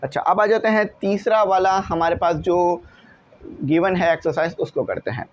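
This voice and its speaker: A man teaches English, his voice sitting notably high for a man. He talks with patience and drills each new word slowly, again and again, as he walks through the exercises. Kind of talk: classroom lesson walkthrough.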